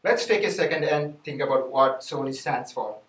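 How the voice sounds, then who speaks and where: A man's voice: mid-range voice, normal speed, a bit bright. A man from India, giving a team business presentation with many fillers and restarts. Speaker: student presenter. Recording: roomy, distant mic.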